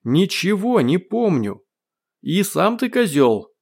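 A man voicing a brash, cheerful man who has lost his memory, talking loud, cocky and playfully defiant in an audiobook. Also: a little high, sing-song, measured pace, pitched above the performer's own voice. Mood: shouting cheekily. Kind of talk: audiobook character voice.

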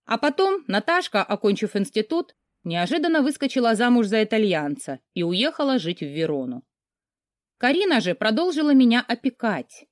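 A woman narrating a novel in the first person, in an expressive, lively storytelling way. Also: a little high, dry recording, clean studio sound. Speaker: audiobook narrator.

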